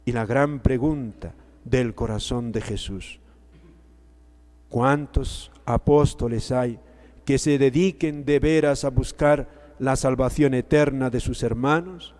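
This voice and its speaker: A male priest giving a sermon, preaching slowly and emphatically, repeating key words with pauses between phrases. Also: mid-range voice, darkish tone. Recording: long hall reverb.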